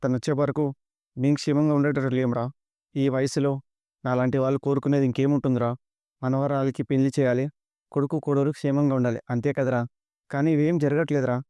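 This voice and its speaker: A man's voice: mid-range voice, level tone, fast talker, warm tone, smooth, dry recording, lightly acted. A man reading as a heartbroken old grandfather. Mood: sorrowful. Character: worried elderly grandfather, weary and heartbroken.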